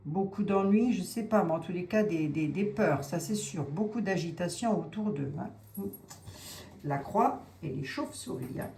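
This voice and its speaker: A woman's voice: fairly low pitch, animated, moderate pace, mellow. A woman giving a casual psychic card reading, musing aloud, hesitating and repeating herself as she goes. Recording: echoey room with faint ambient noise.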